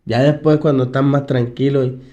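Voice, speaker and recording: Mellow-voiced man giving a casual talk. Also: medium pitch, level tone, brisk, highs cut off. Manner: conversational, asks the audience questions, chuckles often. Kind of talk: casual motivational talk to an audience.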